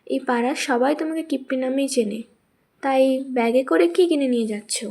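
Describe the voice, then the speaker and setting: A woman's voice: high voice, normal speed, warm tone. A woman voicing a teasing young village wife in a cartoon story, who mocks the old woman lightly. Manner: teasing, mocking.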